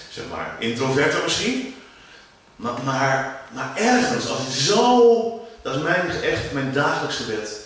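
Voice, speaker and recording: A middle-aged Dutch-accented man preaching with animated swings in pitch and loudness, often repeating his first words before he gets going. He sits at a distance from the mic in a strongly reverberant church hall. A faint hum of room noise runs underneath. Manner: animated, rising sharply in pitch and volume for emphasis, many repeated starts. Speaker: preacher and worship leader. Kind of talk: sermon teaching.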